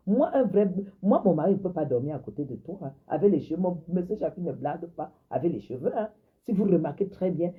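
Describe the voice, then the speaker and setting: Husky woman ranting on phone. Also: fairly low pitch. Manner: confrontational, mocking, repeats herself. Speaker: social media personality. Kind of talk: heated live-stream rant. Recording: tinny phone-line sound.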